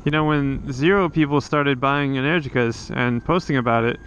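On a coastal road, a man chats casually from his motorcycle into a helmet camera, his mid-range voice fairly bright and moderately paced. The vlog rambles, packed with fillers and restarts. The recording is muffled and carries a faint hiss or hum.

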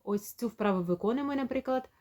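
A woman speech therapist giving a home lesson, explaining calmly and demonstrating sounds slowly and clearly. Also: a little high, heavy background noise.

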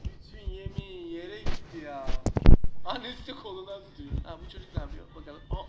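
Excitable young man reacting over noise. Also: sits high. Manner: excitable, exclaims and laughs often, slangy. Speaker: reaction video host. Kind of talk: casual live reaction commentary. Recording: heavy background noise.

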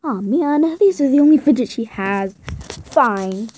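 A young female performer voicing a smug, bratty scammer girl in a toy role-play video, talking loud and showy. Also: sits high, animated, unhurried, a little hiss or hum. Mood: grudging.

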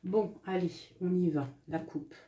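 A tarot reader talks to camera from a table indoors, her cards laid out, chatting casually with lots of fillers and warm asides to viewers. Her voice is lowish and mellow, and her pace a little slow.

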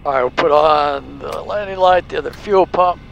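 With a slightly high voice touched by vocal fry, a man speaks at a moderate pace from the cockpit of a small plane. As a private pilot and video host, he gives easygoing explanations and makes radio calls over a steady engine hum.

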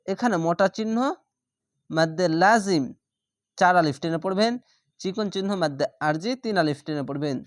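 A man teaching Quran reading, spelling out each letter and syllable and then drawing the joined word out slowly. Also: high voice, no echo, clean studio sound. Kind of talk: spelling-out Quran recitation lesson.

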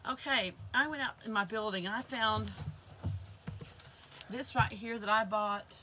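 A hoarse-voiced woman in her fifties hosts a craft channel, chatting and greeting viewers on a live stream while her hands work on a project. Her voice sits on the high side, a little slow, bright and forceful. The camera faces her across the table in an indoor craft room with shelves, and a faint hiss or hum is audible.

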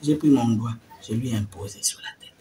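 A woman's voice: very deep voice, fairly quick, over a noisy crowd. A woman giving a personal faith testimony as an interview guest, telling her story with animation and acting out the words of others. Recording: distant mic with faint noise.

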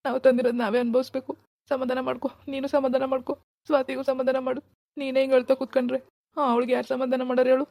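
Woman voicing a rapid, calming relative. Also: high voice, vocal fry, no room sound. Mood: soothing. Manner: soothing, then firmly scolding. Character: calm relative who pleads for patience. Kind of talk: animated cartoon voice acting.

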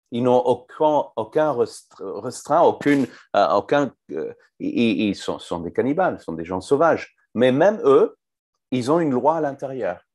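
A man's voice: mid-range voice, a little mellow. A man teaching a live online Bible study, explaining a passage and asking his viewers questions.

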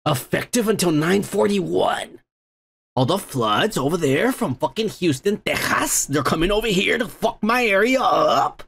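A man with a somewhat high, gravelly, slightly bright voice hosts a show from home, reading viewer comments. He rambles casually, swears freely, and restarts often, all through a heavily compressed microphone.

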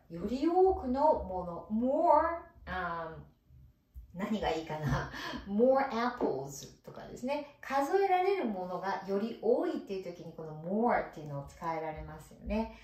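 A woman's voice: medium pitch, darkish tone. A woman teaching English, patiently explaining pronunciation and demonstrating each sound aloud for her students. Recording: echoey room, distant mic.

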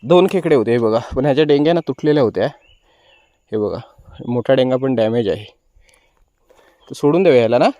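A man's voice: medium pitch, brisk, long pauses, dark tone, no echo. A man vlogging outdoors by a stream pool, cheerfully urging children on as they catch fish. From Konkan, India. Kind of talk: casual outdoor vlog narration.

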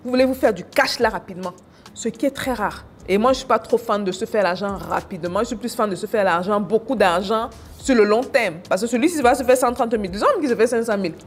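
Woman coaching online sellers, lively n teasing, kinda high voice. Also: quick pace, slight background noise. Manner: animated, teasing, exclamatory. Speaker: business coach. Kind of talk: casual screen-share teaching.

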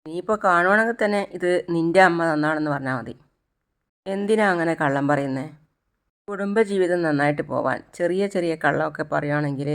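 A woman voicing a sly, smooth-talking young husband in a spoken serial recap. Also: on the high side, a bit bright.

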